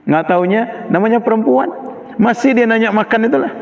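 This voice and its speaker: A man's voice: extremely high pitch, brisk, gravelly. A middle-aged man preaching a sermon to students, telling emotional personal stories and acting out the voices he quotes. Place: large mosque hall. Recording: echoey mosque hall, muffled recording.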